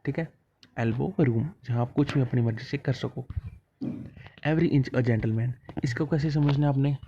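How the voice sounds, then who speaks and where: A man teaches idioms to exam candidates, talking in a loose, chatty way. He asks questions and answers them himself, and sometimes acts out short dialogues. His pitch sits in the middle range, and a faint hiss and a few clicks run behind him. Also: brisk, mellow, lo-fi sound. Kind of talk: casual classroom explanation of idioms.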